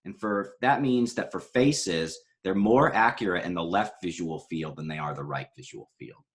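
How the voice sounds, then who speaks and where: Speaking at a normal pace in a low voice, a man lectures on psychology research and talks through graphs. This recorded lecture has a conversational feel, with frequent fillers and self-corrections.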